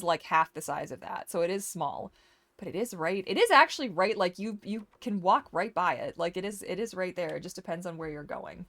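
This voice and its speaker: A woman chatting casually as she plays a game for viewers, a welcoming and playful host who talks straight to her audience. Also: medium pitch. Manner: playful, teasing. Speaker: host of a live game stream and community server. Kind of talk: casual chat while playing a game.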